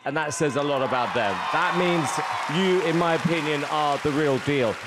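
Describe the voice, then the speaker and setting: A man judging a talent show, giving measured, earnest praise from a judges' desk in a large studio arena. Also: a little high, a loud crowd, heavy background noise. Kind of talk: giving spoken feedback. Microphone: desk mic. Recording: loud cheering studio audience behind.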